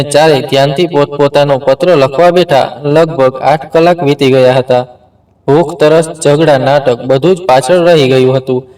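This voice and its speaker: A man narrating an emotional story in a steady, earnest way. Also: a little high, far from the mic, rough recording.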